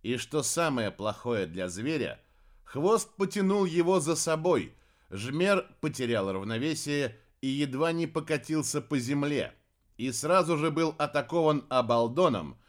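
A man narrating a fantasy audiobook with dramatic, expressive delivery. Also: a little high. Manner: dramatic, varied intonation.

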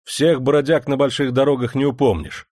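A man's voice: medium pitch, steady tone, normal speed, darkish tone, no echo, clean studio sound, pitched above the performer's own voice, lightly acted. A man voicing a stern, arrogant wealthy factory owner who speaks in a cold, commanding way.

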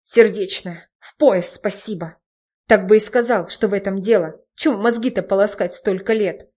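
A woman's voice: medium pitch, normal speed, darkish tone, slightly rough, lightly acted. A woman reading as a sarcastic young woman, cutting, blunt.

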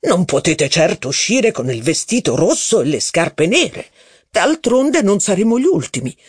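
A man reading aloud voices a blustering, impatient aristocratic duke who talks in loud exclamations. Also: high-pitched, big pitch swings, measured pace, husky, no echo, clean studio sound, voice pushed up, heavily acted. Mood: scolding.

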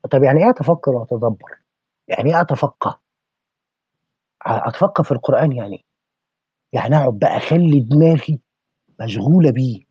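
Fast, husky Egyptian man preaching. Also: on the high side, no room sound. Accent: Egyptian Arabic. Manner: preachy, fires rhetorical questions. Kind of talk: impassioned podcast discussion. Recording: dull lo-fi recording.

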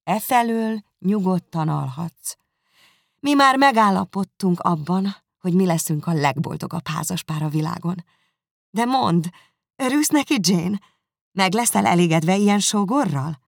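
A woman's voice: fairly low pitch, expressive, vocal fry, no room sound, clean studio sound, voice pushed up. A woman voicing a spirited, witty young woman who speaks earnestly and reassuringly, in an audiobook reading. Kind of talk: audiobook character voice.

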